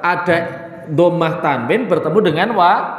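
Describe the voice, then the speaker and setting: High-voiced man teaching Quran recitation. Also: moderate pace. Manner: questioning students often, then answering himself. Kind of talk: classroom tajwid lesson with recited examples. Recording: echoey hall with long reverb.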